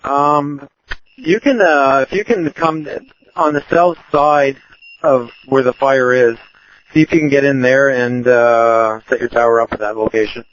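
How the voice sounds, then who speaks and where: A man acting as fire incident commander, giving calm orders over a two-way radio, halting with fillers. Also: mid-range voice. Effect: heard over a two-way radio. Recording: muffled lo-fi radio with faint hiss.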